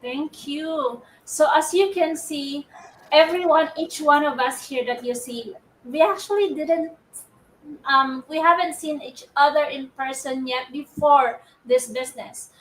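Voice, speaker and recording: A woman from the Philippines with a high, bright voice hosts a live show in a chatty, rambling way, often restarting her thoughts. She sounds set back from the mic in a roomy, echoing space. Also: recorded from a distance. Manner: upbeat, rambling, frequent restarts. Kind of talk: casual live-stream talk. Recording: roomy audio from away from the mic.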